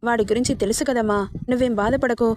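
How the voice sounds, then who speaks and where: A woman's voice: fairly high pitch, fairly even intonation, quick pace, a little mellow, no echo, clean studio sound, lightly acted. A woman voicing an affectionate older father-in-law who comforts the young bride in a storybook reading. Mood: doting. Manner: affectionate and soothing.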